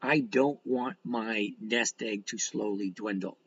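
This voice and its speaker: Reading and replying to comments on his livestream, this sixty-year-old host and stock trader chats casually, bluntly and folksily, rambling along with the occasional mild curse. He talks slowly in a fairly low voice, and the recording is muffled with a bit of hiss or hum.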